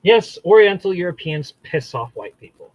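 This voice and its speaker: A man's voice: high voice, big pitch swings, normal speed, no echo, lo-fi sound. A man hosting his own channel, giving a combative, profane solo monologue that rambles and restarts mid-sentence. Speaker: channel host.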